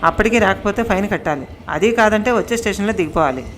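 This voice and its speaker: A woman's voice: medium pitch, lively intonation, fast talker, slight background noise, close to an everyday voice. Woman doing a brusque male ticket collector. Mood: curt. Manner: curt, officious.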